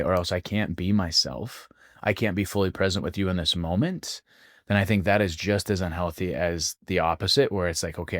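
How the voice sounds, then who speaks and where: A man co-hosting a health podcast, explaining his views at length in a measured, casual way. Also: deep voice, no echo, studio quality. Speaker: podcast co-host.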